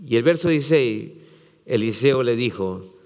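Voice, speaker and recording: A man's voice: mid-range voice, expressive, moderate pace, darkish tone, in a large hall. A man, a pastor preaching a sermon, retelling scripture with dramatic voicing and repetition.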